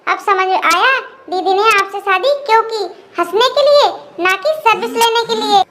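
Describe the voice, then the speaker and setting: Cheeky cartoon sister-in-law, high voiced: teasing, mocking, bright. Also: moderate pace, a little hiss or hum.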